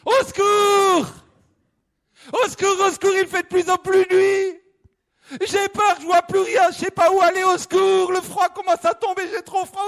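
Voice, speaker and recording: A man acting out a frightened lost male hiker who cries for help in a shrill, frantic voice during a sermon parable.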